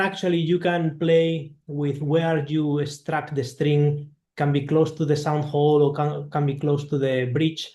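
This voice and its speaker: A man's voice: on the high side, darkish tone, reverberant. A man from Spain with a Spanish accent, speaking as a guest composer in an interview, thoughtful and hesitant with many fillers. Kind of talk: interview conversation.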